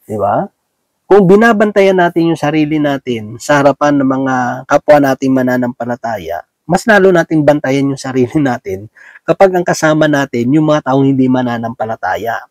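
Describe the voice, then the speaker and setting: A man's voice: mid-range voice, lively intonation, normal speed, darkish tone, no echo. A man with a Filipino accent giving a casual, conversational sermon, often checking in with his listeners and acting out small everyday scenes. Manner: folksy, asks "di ba?" often, acts out little scenes. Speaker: preacher.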